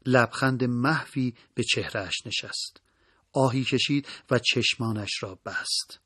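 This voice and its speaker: A man narrating a dramatic story in a solemn, measured way. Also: mid-range voice, a bit bright, husky, dry recording, clean studio sound.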